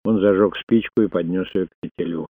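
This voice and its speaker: A man narrating a thriller audiobook in a steady, even reading voice. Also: low-pitched, brisk, no echo. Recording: dry, phone-like narrow sound.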